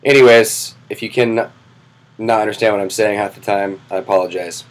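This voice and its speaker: Low-voiced man, nasal with a sinus infection. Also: fairly even intonation, moderate pace, poor audio. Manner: plain-spoken, frequent "okay?" and "um". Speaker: gym owner. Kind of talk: casual talk to camera.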